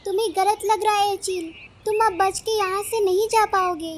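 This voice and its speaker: A woman's voice: very high voice, steady tone, moderate pace. A woman voicing a brave little sparrow in a cartoon, defiant and determined.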